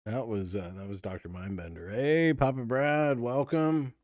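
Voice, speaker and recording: A man doing casual live gameplay commentary in a bemused, halting way. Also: medium pitch, fairly even intonation, a little mellow, no room sound. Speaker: live streamer playing a video game.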